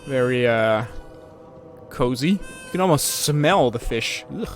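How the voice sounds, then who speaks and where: A man's voice: mid-range voice, lively intonation, a little slow, soft background music. A man playing a game and commenting casually, muttering asides and reacting aloud as he goes.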